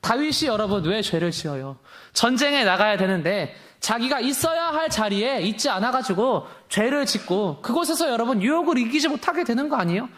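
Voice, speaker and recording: A man's voice: expressive, fairly bright tone. A young man preaching a sermon with passion, firing off rhetorical questions and swinging his voice up and down. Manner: impassioned, rhetorical questions, quick swings in pitch and volume.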